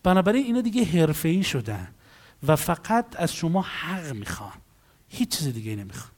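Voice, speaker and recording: A man working as a counselor, telling stories about clients and acting out their dialogues in an animated way. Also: on the high side. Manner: animated storytelling, acts out dialogues.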